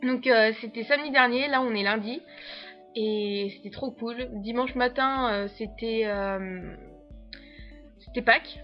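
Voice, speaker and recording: Speaking a little slowly in a slightly high voice, a young au pair vlogger from France chats casually to camera with a French accent. Her talk rambles, full of fillers and frequent giggles. The sound is lo-fi, with soft background music.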